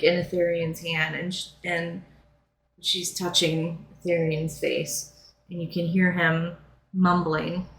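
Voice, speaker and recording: A woman game master, narrating a tabletop game in an unhurried, descriptive way. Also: lowish voice, gravelly. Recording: echoey room.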